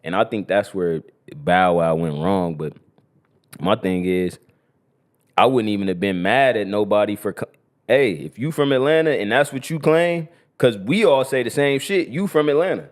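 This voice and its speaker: Fairly low but animated, this young man's voice moves at a moderate clip as he co-hosts a podcast from Columbus, Ohio. His talk is casual and loose, slang-heavy, with "you feel me" coming up often.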